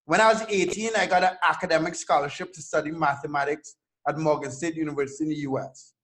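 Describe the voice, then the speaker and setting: A guest entrepreneur in his thirties from Trinidad and Tobago tells his story in an interview, animated and loose, cursing and stumbling over repeated words. His voice is notably high, and he talks fast.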